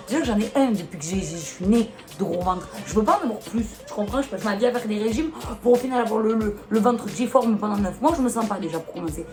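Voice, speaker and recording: A woman's voice: mid-range voice, a little mellow. A woman with a Marseille accent, casually talking to camera in a vlog and answering comments in a blunt, exasperated way. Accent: Marseille French. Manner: blunt, exasperated, fond of rhetorical questions. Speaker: YouTuber.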